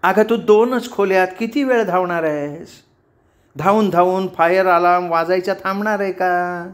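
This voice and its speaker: A man voicing an excitable, loud young woman student living abroad, talking quickly and impatiently. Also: high-pitched, pitched above the performer's own voice, close to an everyday voice. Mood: shouting, exasperated.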